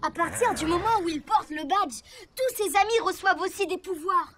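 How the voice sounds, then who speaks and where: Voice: extremely high pitch, normal speed, a bit bright, a little hiss or hum. A performer in a cartoon dub voicing an eager, adventurous child motorbike. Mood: curious. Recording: music under the voice.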